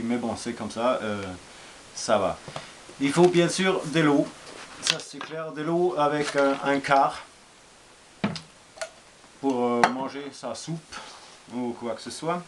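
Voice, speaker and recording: A man from Austria, in a mid-range voice with background noise behind him, presents survival gear in a laid-back vlog. He speaks French casually and haltingly in an Austrian German accent, full of fillers and restarts.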